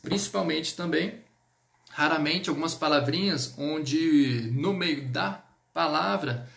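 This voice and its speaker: A man's voice: on the high side, slow, creaky, a bit bright, roomy sound. A man with a Brazilian Portuguese accent teaching a live online French lesson, patiently repeating words and checking in with his students.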